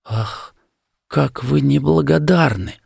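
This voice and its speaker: A man's voice: medium pitch, big pitch swings, slow, gravelly, breathy edge, no echo, clean studio sound, voice pushed up, exaggerated voice. A man voicing a young lovesick male student in a storybook reading, exclaiming with earnest rapture. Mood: bitter.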